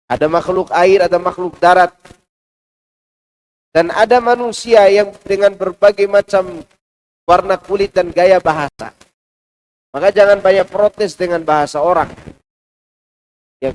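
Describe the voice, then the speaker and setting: A male preacher giving a Quran commentary lecture in a large mosque, with a lively delivery that swings between loud and hushed. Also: high voice, normal speed, pauses often, low-quality recording. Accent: Indonesian.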